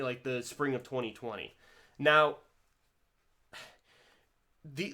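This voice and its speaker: A man vlogger reviewing a TV series gives a casual commentary, rambling with frequent restarts and stumbles. He animatedly swings his pitch and loudness as he talks.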